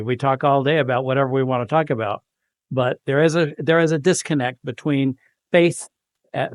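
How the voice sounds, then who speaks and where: A man gives an informal devotional talk as part of a panel, earnest and emphatic, his fervor climbing as he quotes scripture. His voice sits at medium pitch, and the recording has no echo.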